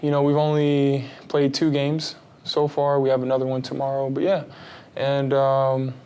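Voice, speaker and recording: A man in his thirties, raised in Texas, answering interview questions about his career and family in a relaxed, rambling way with many fillers. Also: mid-range voice, normal speed, clear, resonant tone. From United States (Texas). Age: 30s. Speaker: basketball player, interview guest.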